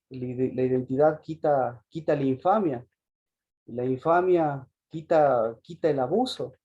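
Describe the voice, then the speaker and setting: A man's voice: medium pitch, dark tone, husky, dull audio. A man preaching a sermon, often repeating and restarting phrases and asking the congregation rhetorical questions.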